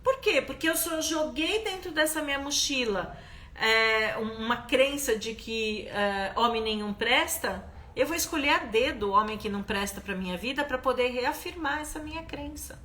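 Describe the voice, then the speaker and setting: Brazilian woman, live-stream host and therapist, emphatic and animated, a touch high-pitched. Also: normal speed, slight background noise. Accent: Brazilian Portuguese. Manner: expressive, emphatic, repeats questions to stress them.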